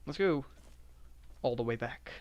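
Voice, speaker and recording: A man live-streaming a game, chatting casually in a self-described monotone with lots of filler words. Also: medium pitch, measured pace. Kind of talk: casual live-stream chat while playing.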